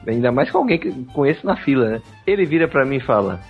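A man's voice: mid-range voice, big pitch swings, fast, lo-fi sound, faint music behind. A man co-hosting a podcast, telling a comic story in a dry, self-mocking way. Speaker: podcast co-host.

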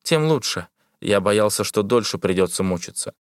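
A man's voice: fairly low pitch, lively intonation, normal speed, no room sound, clean studio sound, lightly acted. A man reading the part of a wounded captain who speaks with curt, bitter sarcasm. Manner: sardonic, curt.

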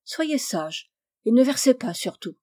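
A woman's voice: fairly high pitch, very animated, unhurried, dark tone, voice pushed up. A woman reading a story voices a young wife speaking with mock sternness and teasing. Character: young wife, feigning indignation.

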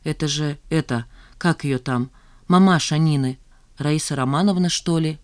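A reader voicing a gruff young man who mumbles, half asleep. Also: fairly high pitch, normal speed, no room sound, studio quality, natural voice. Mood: sleepy. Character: jealous, sleepy young man.

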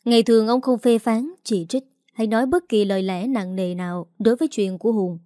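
A woman narrating an audio story in an even storytelling delivery. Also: fairly high pitch, fairly quick, no echo, studio quality.

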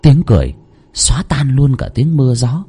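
Husky male ghost-story narrator. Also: medium pitch, sing-song, normal speed, warm tone, faint music behind. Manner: dramatic, tense delivery.

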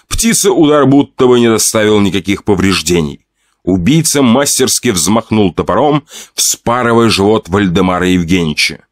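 Expressive male horror storyteller. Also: medium pitch, no room sound, clean studio sound. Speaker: narrator. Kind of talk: dramatic audiobook narration.

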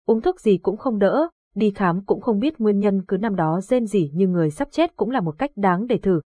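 Woman audiobook narrator, steady ghost-story read, dry close mic. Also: mid-range voice, slightly rough, no echo. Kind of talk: scripted horror narration.

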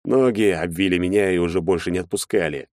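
A man narrating a first-person audiobook in an expressive manner, changing his voice for each character. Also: low-pitched, fast, dry recording, studio quality.

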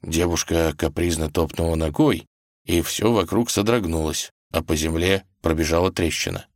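A man narrating a fairy tale in an expressive, dramatic storytelling manner. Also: sits low, moderate pace, dry recording, studio quality.

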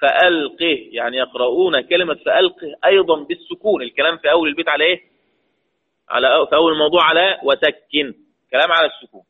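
The recording, thin and phone-like, captures a husky, fairly high-voiced Egyptian man giving a lesson on Quran recitation. He asks his students questions only to answer them himself, lingering slowly on key words while switching between everyday and formal Arabic.

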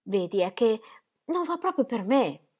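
A woman's voice: fairly high pitch, big pitch swings, normal speed, voice pushed up. A woman reading the part of an anxious young pastor's wife who pleads and repeats herself breathlessly. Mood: pleading.

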